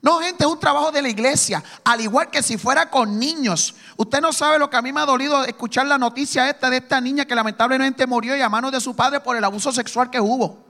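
A male preacher delivers an emphatic sermon in a very high, bright voice. He keeps firing rhetorical questions at his congregation. His voice rings with the long reverb of a church sanctuary. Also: fast talker.

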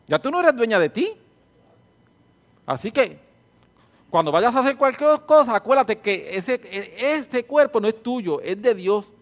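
A high-pitched man preaching. He sways between near-whispers and loud, fervent bursts, repeating his lines for emphasis and naming people in the congregation. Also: very animated, measured pace, long pauses. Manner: fervent, repetitive, swings from hushed to loud; calls out listeners by name. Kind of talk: sermon and spoken prayer.

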